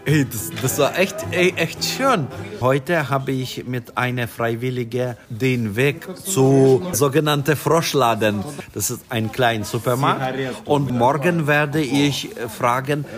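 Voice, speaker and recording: A man from Ukraine, talking in an interview in a lively, halting way. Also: mid-range voice, music in the background. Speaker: volunteer guide and interviewee.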